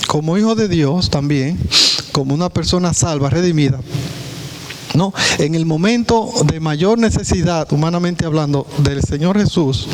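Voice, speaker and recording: A man preaching a sermon as pastor, asking the congregation questions and dropping low on the words he stresses. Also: a little mellow, a little hiss or hum, rough recording. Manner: emphatic, pitch dropping on key words. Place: church.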